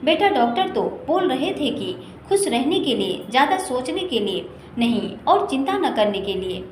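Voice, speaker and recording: Elderly grandmother voiced by a woman, gentle, motherly, high voice, echoey room with faint noise. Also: sing-song, moderate pace. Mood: comforting. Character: elderly grandmother, loving and reassuring.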